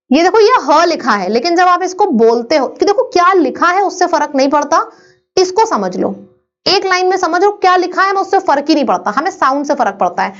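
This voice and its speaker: A woman with a high-pitched voice runs a quick-paced online grammar class, firing questions at students and supplying the answers on her own. Her recording has a slightly dull, lo-fi quality, though it also sounds a bit bright.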